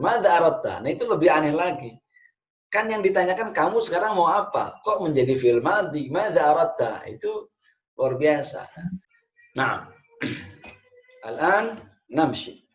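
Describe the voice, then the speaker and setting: A man with an Indonesian accent teaching an online lesson in a casual, conversational way, repeating phrases and then explaining them. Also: mid-range voice. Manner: casual, conversational with many fillers. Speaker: Arabic teacher. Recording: roomy, dull lo-fi sound.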